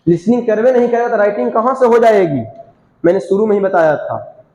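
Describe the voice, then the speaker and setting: A man's voice: sits high, a little fast, warm tone, reverberant, lo-fi sound. A man teaching English grammar in a classroom lecture, asking questions and repeating the answers. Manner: repeats questions and has students answer back.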